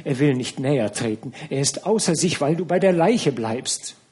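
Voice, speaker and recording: A man's voice: on the high side, lively intonation, moderate pace, darkish tone, slightly rough, pitched above the performer's own voice. Man doing a fussy exclaiming older woman. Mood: urgent. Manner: emphatic, exclaiming.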